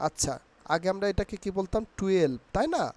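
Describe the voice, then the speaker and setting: A man's voice: high-pitched, lively intonation, fairly quick, a little mellow. A man with a Bangladeshi accent teaching English pronunciation, repeating each word several times and mixing English phrases into his talk. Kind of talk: casual spoken lesson.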